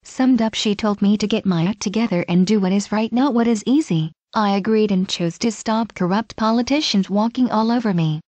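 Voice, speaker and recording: A woman's voice: medium pitch, a little fast, hardly any pauses, darkish tone, no echo, lightly acted. A woman voicing a weary old male village leader who speaks curtly and commandingly. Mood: stern. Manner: curt, commanding.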